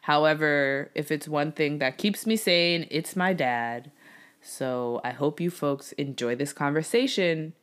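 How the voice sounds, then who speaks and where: A woman with a low voice hosts a podcast where she interviews her father, speaking unhurriedly. She addresses listeners in a casual, conversational, informal and folksy style.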